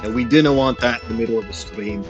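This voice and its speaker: A man whose voice comes through a voice changer that drags it lower. He rambles in a jokey mock-pirate manner. Soft music plays quietly behind him. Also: fast talker, muffled recording. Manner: playful mock-pirate talk with "aye" and "lad". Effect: voice changer shifting the voice deeper. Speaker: streamer. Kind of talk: rambling livestream commentary.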